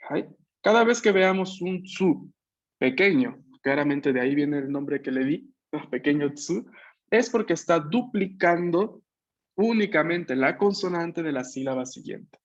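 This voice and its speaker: A man's voice: fairly high pitch, expressive, a little slow. A man teaching an online language class, explaining patiently, repeating key points and checking that students follow. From Peru. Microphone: video call. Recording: slightly muffled video-call audio.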